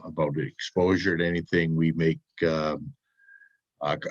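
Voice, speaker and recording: Town official, male, low-pitched, congested nose, halting meeting presentation, dry muffled audio. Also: dry recording. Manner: halting, searching for words. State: stuffy, congested blocked nose. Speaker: town administrator presenting to a board. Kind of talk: explanatory public meeting report.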